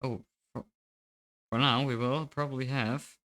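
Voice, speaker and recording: A man's voice: medium pitch, fairly even intonation, measured pace, fairly bright tone. Young guy doing casual sim racing commentary on a stream, rambly and jokey, desk mic. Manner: chatty, self-mocking, thinks aloud. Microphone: desk microphone.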